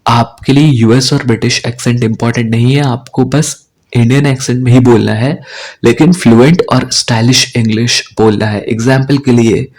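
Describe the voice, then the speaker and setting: A young Indian-accented man teaches spoken English, explaining things carefully in a mix of Hindi and English and frequently asking "right?" to check in. His voice sits at a medium pitch with a somewhat dark tone.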